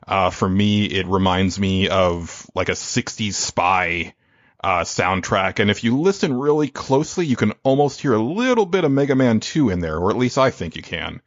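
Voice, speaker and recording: A man with a deep, low voice hosts in a deliberate radio-presenter manner, now and then stopping for a filler. He sits close to the mic in a dry, slightly muffled recording. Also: lively intonation, no echo. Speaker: podcast host.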